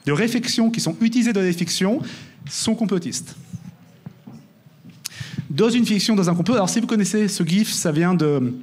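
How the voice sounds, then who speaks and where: High-voiced young man giving a talk. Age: young adult. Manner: lively, frequent "d'accord?" checks. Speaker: conference speaker. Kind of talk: conference talk.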